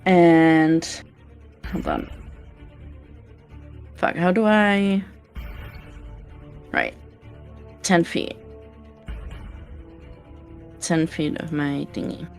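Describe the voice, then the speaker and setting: A woman's voice: low-pitched, extremely slow, long pauses, a little mellow, soft background music. A woman playing a tabletop game, casually talking through what her character does. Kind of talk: casual game chat, describing character actions.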